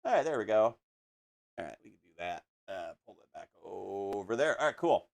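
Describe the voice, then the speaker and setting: At a desk microphone in his home studio, a middle-aged man paints on a live stream while talking with a lowish, gravelly and very animated voice at a moderate pace. The recording is dry. He rambles casually, cutting himself off with frequent stammered restarts and chuckles.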